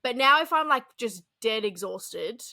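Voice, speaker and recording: A woman chatting on a podcast with a bright, forceful voice that sits a little high. She talks animatedly and laughs often. Her tone stays casual and relaxed. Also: a little slow, creaky. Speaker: podcast co-host. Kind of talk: casual chat.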